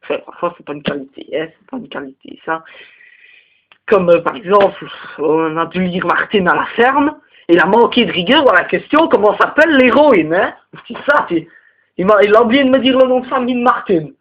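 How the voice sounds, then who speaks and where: A young man with a Belgian French accent playing a crude, rambling male teacher in a comedy sketch, lurching into high, indignant outbursts. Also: lively intonation, brisk, dull audio. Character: crude, touchy male teacher, single, lives with parents. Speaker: teacher at a parents' meeting.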